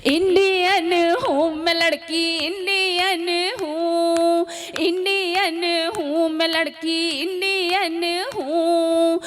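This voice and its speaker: High-voiced woman singing ghazals on stage. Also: steady tone, a bit bright, soft background music. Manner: sings verses slowly, talks fast between them and asks the crowd to listen. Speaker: poet performing at a comic poetry gathering. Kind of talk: sung ghazal and song recital with spoken links. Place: stage at a live poetry event.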